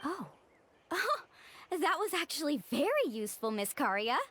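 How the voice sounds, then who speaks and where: Mualani, animated high-voiced young guide. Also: female voice, normal speed, slight background noise. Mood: upbeat. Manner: confident, explanatory, animated. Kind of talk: video game voice acting.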